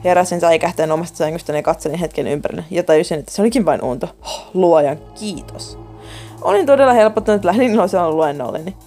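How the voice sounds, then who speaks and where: A woman's voice: on the low side, lively intonation, few pauses, dark tone. A woman narrating a first-person horror story in a dramatic, scripted way. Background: faint music.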